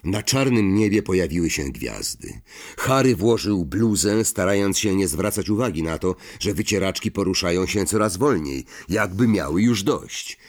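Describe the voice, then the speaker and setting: A man narrating an audiobook with expressive storytelling. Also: low-pitched, moderate pace. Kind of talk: audiobook reading.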